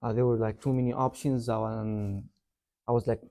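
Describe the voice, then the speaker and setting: A young university student from Yemen, raised in Saudi Arabia, chats casually as an interview guest. His medium-pitched voice moves at a normal speed, and he rambles in a relaxed way, filling his talk with "like" and "you know."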